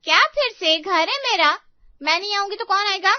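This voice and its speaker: A shrill, sulky young bride in a cartoon story, played by a woman, her high voice snapping into petulant complaints. The sound is dry and dull, like a lo-fi studio take. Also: expressive, brisk, dry recording. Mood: sulky, angry. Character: sulky young bride, quick-tempered and tearful.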